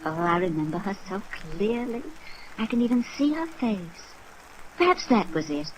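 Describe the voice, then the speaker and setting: An actress playing a gentle, fond, helpful nun in a 1950s radio drama, speaking in a wistful, hesitant way. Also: female voice, medium pitch, big pitch swings, normal speed, close to an everyday voice. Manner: wistful, hesitant, exclaiming softly. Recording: noisy vintage radio recording.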